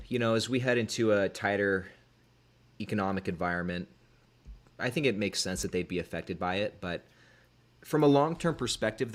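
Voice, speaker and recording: A man hosting a podcast in casual chat, easygoing and thinking aloud as he gives his opinions. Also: low-pitched. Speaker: podcast host.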